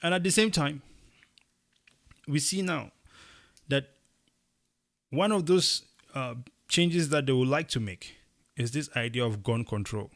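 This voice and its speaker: Casting: young male co-host from Cameroon, gravelly voice, emphatic delivery with animated bursts. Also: mid-range voice, unhurried, pauses often. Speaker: podcast co-host. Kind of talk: casual opinion chat.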